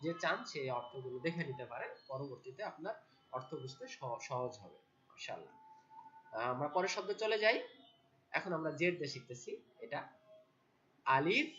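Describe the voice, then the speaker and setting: Brief: reading teacher, lively up-and-down delivery, patient call-and-response drills, dull lo-fi recording. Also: mid-range voice. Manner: patient, repetitive, drills each sound aloud and checks the learners.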